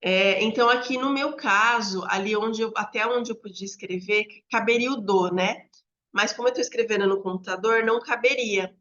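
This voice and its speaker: A woman's voice: medium pitch, moderate pace, bright, forceful tone. Brazilian woman teacher trainer explaining. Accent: Brazilian Portuguese. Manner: conversational, explains step by step with frequent rhetorical "né?". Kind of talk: instructional talk to teachers. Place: home room near a street. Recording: slightly dull lo-fi audio.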